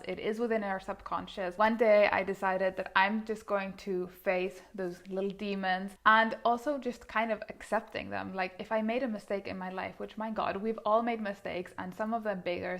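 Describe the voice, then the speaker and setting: Woman, 30, vlogger; earnest, thoughtful monologue to camera, mid-pitched, lots of hedging fillers. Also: vocal fry, a bit bright. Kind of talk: reflective casual monologue to camera.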